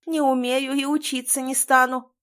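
A woman voicing an old village wise woman and grandmother, speaking calmly and earnestly. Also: high-pitched, moderate pace, voice pushed up. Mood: earnest warning.

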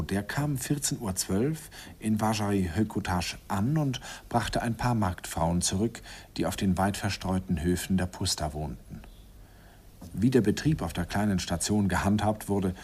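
An actor narrates a radio play as a grown man looking back fondly on his youth. He speaks softly and wistfully, sometimes dropping to a whisper, in a low-pitched voice with a breathy edge.

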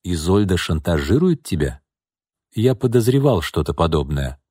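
A man's voice: low-pitched, very animated, normal speed, dark tone, husky, dry recording, studio quality, heavily acted. A man voicing a reserved, guarded young man in an audiobook, speaking curtly and with restraint. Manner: curt, restrained. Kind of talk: audiobook character reading.

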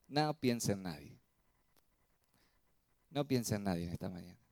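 A man's voice: lowish voice, lively intonation, measured pace, gravelly, a little mellow, no echo. A male pastor with a Rioplatense Spanish accent preaching a sermon in a church, asking the congregation rhetorical questions.

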